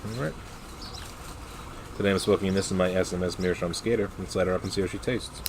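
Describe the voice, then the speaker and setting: A man giving a casual, unscripted product review in a halting, matter-of-fact way. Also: sits low, steady tone, background noise. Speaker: pipe tobacco reviewer.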